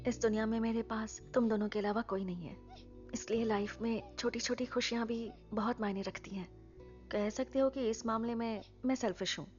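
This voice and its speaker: A woman's voice: sits high, sing-song, quick pace. A woman dubbing a wife who complains with exasperation. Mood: earnest. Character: house-proud wife, upset and sharp. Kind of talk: Hindi film dub. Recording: dull film dub with music.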